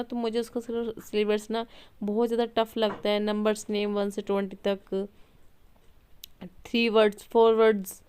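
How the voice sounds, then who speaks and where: A woman's voice: medium pitch, darkish tone, clear, resonant tone. A young woman chatting casually in a home vlog at night, rambling with fillers and self-corrections as she talks about her children. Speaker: vlogger and mother.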